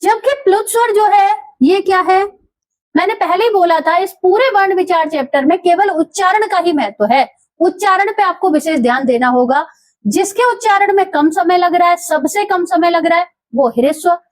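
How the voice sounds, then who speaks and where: A woman's voice: very high-pitched, normal speed, dry recording. A woman teaching a grammar lesson. She drags out sounds and repeats key terms for her students. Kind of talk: classroom lesson.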